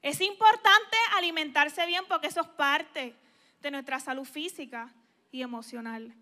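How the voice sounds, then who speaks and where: Lady psychologist giving a church talk, super high sharp voice, goes loud then real quiet. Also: normal speed. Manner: emphatic preaching, swinging from loud appeals to hushed asides. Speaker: psychologist speaking to a church audience.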